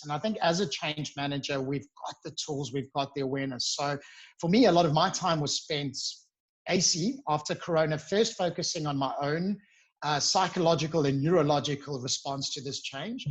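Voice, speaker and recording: A South African man in his forties, speaking in a fairly high pitch, is an upbeat, earnest podcast guest in a casual interview chat over a video call. He talks with bursts of emphasis, and the recording quality is low.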